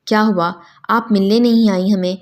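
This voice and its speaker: A woman voicing a kind, patient young man who speaks calmly in a storybook reading. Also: medium pitch, lightly acted.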